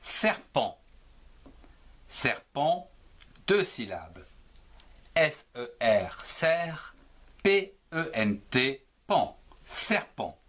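Very slow man spelling out syllables. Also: mid-range voice, very animated, fairly bright tone. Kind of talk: slow spelling lesson for children.

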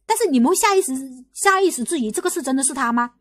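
A young woman from Guangdong hosting a casual livestream, talking in rapid bursts full of restarts and repeated rhetorical questions. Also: high-pitched, animated, a bit bright. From Guangdong, China. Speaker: livestream host.

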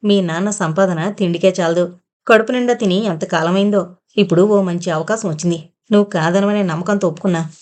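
A woman's voice: fairly low pitch, a little fast, a little mellow, lightly acted. A woman reading the part of a poor, domineering middle-aged mother who pushes and scolds as she persuades. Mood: coaxing. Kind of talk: audiobook character reading.

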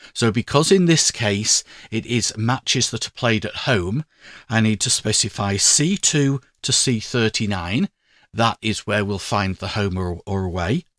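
A man walks through each step of a tutorial slowly and methodically. His voice sits on the lower side, and the recording is close and dry, with no room sound. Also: fairly bright tone, no echo. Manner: measured, step-by-step explaining. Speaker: spreadsheet tutor. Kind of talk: screen-recorded tutorial narration.

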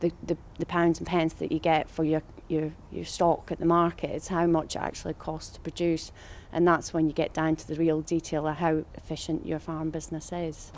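A woman's voice: low voice, completely flat delivery, a little fast, few pauses, a little mellow, slight background noise. A woman in her forties, a farm project facilitator, giving earnest interview answers outdoors on a farm, with fillers and repeated words.

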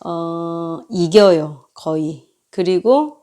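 A woman's voice: lowish voice, drawn-out words, warm tone. A middle-aged woman and mother hosting a parenting talk, sharing a family story in a candid, earnest way. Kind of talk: casual talk.

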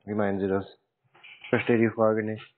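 This German-native scambaiter talks on the low side with a flat delivery, a little fast, during a casual phone chat. He feigns naivety playfully, and the sound is muffled and narrow like a phone.

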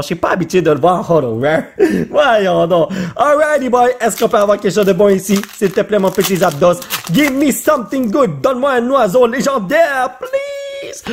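A man with a Quebec French accent talks in a high, slightly husky voice. He gets excited and jokes as he comments on opening card packs, and mixes in English slang. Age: adult father. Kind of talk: casual pack-opening commentary.

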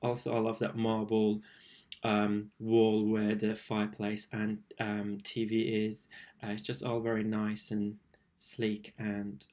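A man's voice: fairly low pitch, monotone, slow, darkish tone. A young man, an interior designer, giving rambling, enthusiastic reaction commentary on a home tour from a small room. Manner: rambling, enthusiastic, many fillers and restarts.

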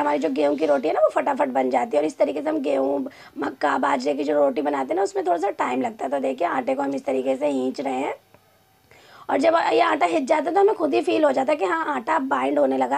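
High-voiced, gravelly woman teaching home cooking. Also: a little mellow. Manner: repetitive, instructive, talks while kneading dough. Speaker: cooking channel host. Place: home kitchen with a clay stove.

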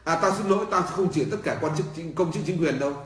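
Middle-aged man, angry profane rant, repetitive, slightly high voice, echoey room. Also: quick pace. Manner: furious, profane, hammering repetition. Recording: roomy echo.

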